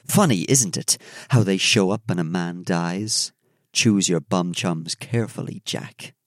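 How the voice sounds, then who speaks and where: Swanky detective played by a man, low and close-miked, insinuating threats, audio drama. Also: a little slow, dry recording. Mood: quiet menace. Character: Tom Moriarty, swanky menacing smooth male detective.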